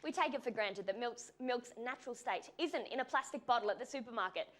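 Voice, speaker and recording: A woman presenting a comedy segment delivers a wry, animated monologue to a live audience in a television studio, breaking into laughs along the way. Her voice is fairly high and brisk, and the audience can be heard in the recording.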